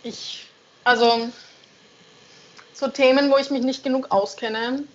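In a laid-back interview, a young woman whose first language is German discusses her songwriting, pausing often and hunting for the right words. She laughs a lot, and her voice sits slightly high. The recording sounds dull and lo-fi.

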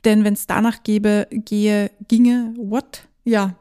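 Her mid-range voice is dark, clear, and resonant, with a level tone, and she takes things slowly. A native German speaker, she hosts her own podcast solo in a chatty, casual way, laughing occasionally and dropping in English phrases.

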